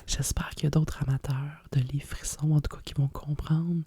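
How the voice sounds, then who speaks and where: A middle-aged woman with a Quebec French accent whispers softly and breathily in a nostalgic, rambling ASMR style, like a hushed library whisper. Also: low-pitched, fairly even intonation, moderate pace, slight background noise. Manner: hushed, nostalgic rambling with frequent conversational tags. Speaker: ASMR host. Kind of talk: whispered ASMR chat about vintage books.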